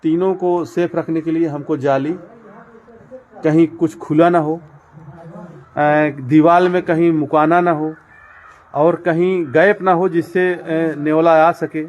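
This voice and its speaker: A man's voice: fairly high pitch, steady tone, slow pace, a little mellow, lo-fi sound. A man showing viewers around his poultry farm, explaining step by step with many fillers and repetitions. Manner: addresses viewers directly as friends and brother. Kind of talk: casual walk-through demonstration.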